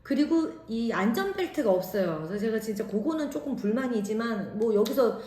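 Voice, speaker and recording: Loud animated Korean woman, roomy sound. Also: on the high side, fairly quick. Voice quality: naturally loud voice. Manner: animated, acts out quoted lines. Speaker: vlogger, mother. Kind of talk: casual storytelling.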